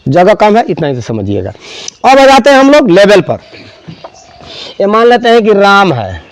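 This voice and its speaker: A man teaching a grammar lesson, explaining step by step and slowly repeating key words for students. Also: sits high, wildly swooping pitch.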